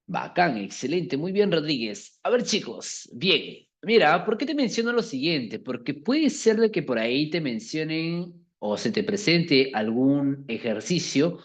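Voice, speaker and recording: Teacher, male, animated pitch, explains patiently, keeps asking if the class follows. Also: unhurried, hardly any pauses. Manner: keeps checking understanding with tag questions. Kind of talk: explaining a language exercise to a class.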